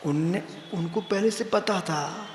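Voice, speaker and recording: A man's voice: high voice, takes it slowly, a little hiss or hum. A man giving a sermon as a monk preacher, telling playful stories and teasing his listeners. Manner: storytelling, playful, teasing the audience. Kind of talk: sermon with anecdotes. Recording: echoey hall, roomy reverb.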